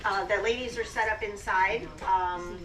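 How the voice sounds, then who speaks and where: A woman's voice: medium pitch, steady tone, normal speed, crowd noise. Distant, echoey woman auctioneer announcing rules. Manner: plain-spoken, instructive, businesslike. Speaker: estate auctioneer. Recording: distant, echoey, clearly noisy pickup.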